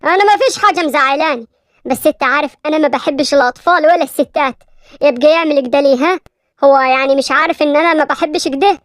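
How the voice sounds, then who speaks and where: A woman's voice: high voice, very fast, no echo, clean studio sound, lightly acted. A woman voicing a hot-tempered rich young man of twenty-five with an Egyptian accent, snapping and scornful. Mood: angry. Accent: Egyptian Arabic.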